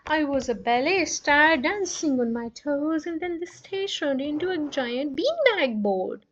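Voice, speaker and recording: A woman voicing a frightened little girl bear in a storybook reading, talking high and upset. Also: very animated, unhurried, a bit bright, exaggerated voice. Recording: dull lo-fi dry recording.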